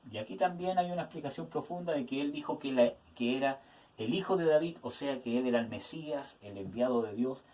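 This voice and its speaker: A man's voice: mid-range voice, darkish tone, highs cut off. A man teaching a Bible study to young people, often checking in with his listeners and searching aloud for words as he goes. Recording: voice from some distance to the mic.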